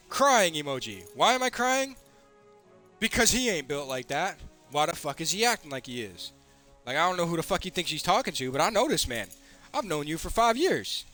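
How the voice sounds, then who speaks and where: A man's voice: fairly high pitch, sing-song, normal speed, pauses often, sharp tone, faint music behind. A man streaming live, angrily reading out his messages and swearing at a rival. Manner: angry, profane, reads messages aloud. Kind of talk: heated livestream rant.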